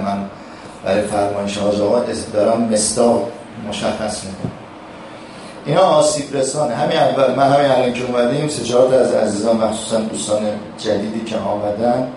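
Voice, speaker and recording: A man's voice: mid-range voice, warm tone, distant mic, a little hiss or hum. Male seminary teacher lecturing a class, emphatic and admonishing, recorded from afar in a very echoey hall. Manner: admonishing, emphatic, rising for stress. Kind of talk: classroom sermon.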